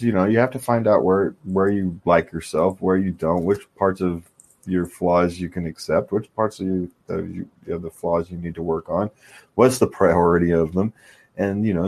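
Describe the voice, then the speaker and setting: A man's voice: lowish voice, a little mellow. A man co-hosting a casual live stream, joking and laughing a lot, then talking thoughtfully about self-analysis. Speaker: livestream co-host. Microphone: on camera, controls the board.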